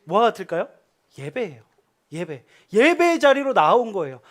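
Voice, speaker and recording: A male pastor giving a sermon to a youth congregation, telling stories in an animated way and often dropping to a hushed, tender voice. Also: sits high, normal speed. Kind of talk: sermon to teenagers.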